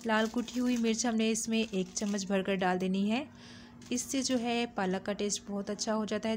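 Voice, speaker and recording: Her mid-range voice is a little mellow as she narrates a home cooking recipe for her channel, step by step, in a home kitchen. She sounds friendly and instructive, with small fillers and a little hiss or hum behind her.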